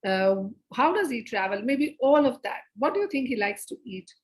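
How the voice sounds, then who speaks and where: A woman hosts a participatory drama session over a video call, her voice a little raised in pitch. She urges and coaxes her audience along in a lively, encouraging way. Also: moderate pace, low-quality recording. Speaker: theatre educator and presenter. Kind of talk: interactive online workshop facilitation.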